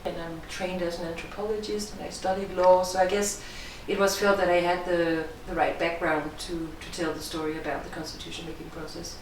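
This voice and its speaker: A middle-aged woman from Denmark with a Danish accent, a film director giving measured, thoughtful interview answers. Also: on the low side, flat delivery, a little hiss or hum. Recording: echoey room, distant mic.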